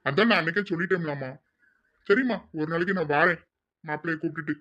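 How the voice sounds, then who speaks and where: A man voicing an earnest, worried middle-aged father who speaks quietly. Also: on the high side, quick pace, highs cut off. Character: middle-aged father, worried and set on marrying off his daughter. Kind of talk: hobby audio drama.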